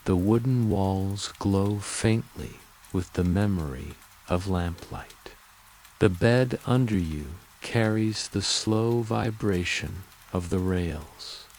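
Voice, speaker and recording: A man narrating a bedtime sleep story in a calm, gentle, lulling and soothing way. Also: low-pitched, slight background noise, low-quality recording.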